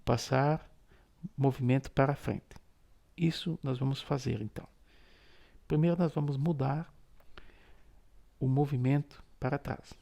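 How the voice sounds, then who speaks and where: A tutorial host walks viewers step by step through a phone screen-reader tutorial, patiently saying aloud every gesture he makes. His mid-pitched voice is deeply gravelly and mellow, and he sounds steady and unhurried.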